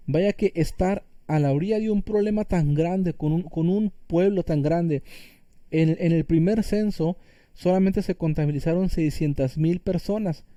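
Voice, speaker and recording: A man's voice: fairly high pitch, mellow, no echo, studio quality. A man giving a sermon-style Torah teaching, earnest and explanatory, often repeating phrases for emphasis.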